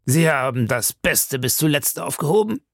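A man reading an audiobook, voicing a blunt, hearty harpooner with a gravelly voice. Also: a little high, animated, moderate pace, no echo, studio quality, voice pushed up. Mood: gruff. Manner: blunt, impatient retorts. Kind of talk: audiobook character voice.

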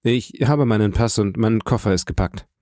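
A man reading an audiobook, voicing a withdrawn, grieving young soldier who speaks quietly. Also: on the low side, moderate pace, dry recording, studio quality, natural voice. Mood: subdued. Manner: quiet, subdued. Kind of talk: audiobook character voice.

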